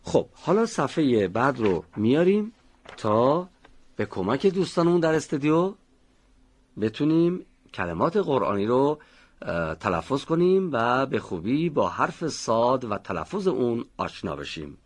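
Husky-voiced male recitation teacher. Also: mid-range voice, big pitch swings. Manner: slow, deliberate pronunciation of example words. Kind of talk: instructional lesson. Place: recording studio.

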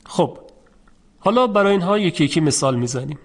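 Patient, slightly high-voiced male teacher. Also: expressive. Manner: patient, methodical explaining with slow drawn-out example sounds. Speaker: Quran recitation teacher. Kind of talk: instructional lesson.

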